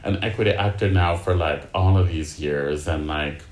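A middle-aged man, an actor, telling a story from his career in casual talk, with lots of filler likes and lively voices when he acts out what others said. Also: low voice, moderate pace. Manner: chatty, many filler likes; animated when acting out quoted people. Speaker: actor guest. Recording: roomy echo.

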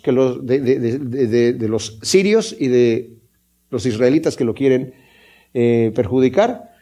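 His voice on the high side and a little mellow, a preacher explains a scripture passage one step at a time. As he goes, he stops to ask his listeners questions.

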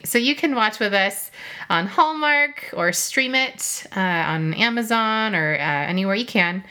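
A woman co-hosts a relaxed chat with a chatty, giggly manner. Her voice sounds bright and forward. Her pitch rises and falls a great deal from phrase to phrase. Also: measured pace. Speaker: podcast co-host. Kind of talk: casual chat.

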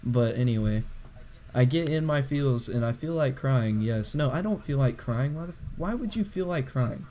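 A man's voice: mid-range voice, expressive, moderate pace, mellow, a little hiss or hum. A young man co-hosting a podcast over a voice call, talking in a rambling, hedging way and laughing often. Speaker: podcast co-host. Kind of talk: casual chat.

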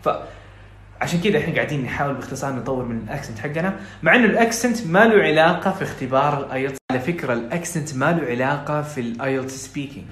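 A man's voice: mid-range voice, racing, a bit bright, echoey room. A Saudi man with a Saudi Arabic accent giving earnest, pleading advice on a podcast, dropping English phrases into his talk.

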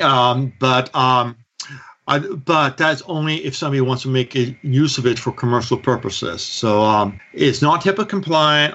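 Man on a muffled low-quality stream. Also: a bit bright. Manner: earnest, detailed explanations with frequent "um". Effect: low-quality remote audio stream. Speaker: podcast guest, creator of a free microbiome website. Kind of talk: explaining in an interview. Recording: muffled lo-fi remote call audio.

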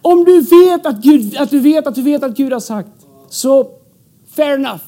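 High-voiced Swedish pastor preaching. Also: male voice. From Sweden. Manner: animated, bursts into shouts, joking asides; drops English words into speech. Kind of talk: sermon. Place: church stage before a congregation.

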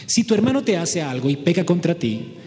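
Guy preaching a sermon, kinda high voice, big hall echo. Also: big pitch swings, a little fast, a little mellow. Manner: preaching with acted-out quotes and rhetorical questions. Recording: long hall reverb.

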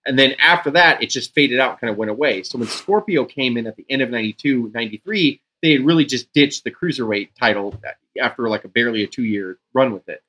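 A man's voice: mid-range voice, quick pace, bright, forceful tone, rough recording. A man hosting a podcast, chatting casually with emphatic, rambling, profanity-laced enthusiasm. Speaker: wrestling podcast host. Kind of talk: casual chat.

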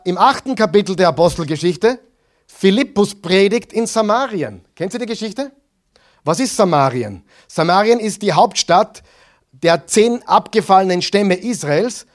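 High-voiced pastor preaching. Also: male voice, lively intonation, unhurried. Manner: asks the audience questions and answers them himself; swings between loud stressed phrases and quiet asides. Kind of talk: sermon.

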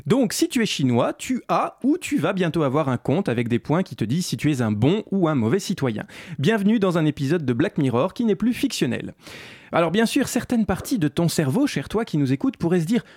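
A male host delivering sarcastic commentary in an animated, swooping voice. He speaks with biting irony and addresses the listener directly. The sound is dry and close. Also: fairly high pitch, fairly quick, husky, dry recording. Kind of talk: sarcastic commentary video essay.

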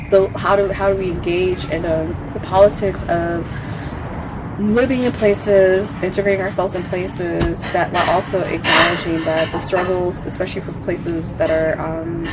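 A woman with a lowish voice talks things through slowly and thoughtfully, often stopping to restart her sentences. Steady traffic noise hums clearly behind her, as if she is recorded near a road. It is a relaxed, reflective chat. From United States. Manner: thoughtful, halting with many restarts.

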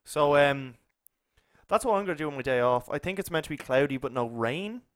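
A young man co-hosting a podcast, telling a rambling, animated story with plenty of restarts. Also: on the high side, brisk, no echo, studio quality. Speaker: podcast co-host. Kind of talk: casual chat.

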